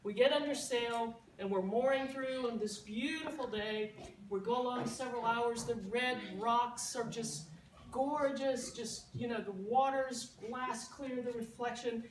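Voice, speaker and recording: A woman telling a lively, laughing story as a party guest giving a toast. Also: a little high, measured pace, a little hiss or hum. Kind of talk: storytelling speech. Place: party room. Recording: echoey room, distant mic.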